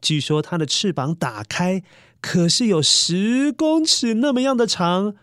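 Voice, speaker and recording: A man's voice: high-pitched, animated, a little slow, a bit bright, smooth, dry recording, clean studio sound. A man hosting a children's story show, narrating playfully and often putting questions to the young listener.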